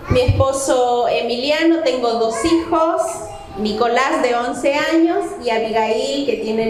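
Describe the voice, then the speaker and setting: Speaking in a high voice, this woman from coastal Santo Domingo, Ecuador, who is middle-aged, teaches scripture and prays with a women's conference, directly questioning the audience. The church hall echoes, and slight background noise is present.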